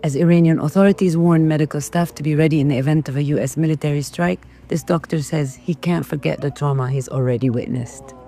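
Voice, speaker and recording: A woman's voice: low voice, steady tone, fast, few pauses, dark tone. A woman reading scripted news narration as a reporter. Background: music.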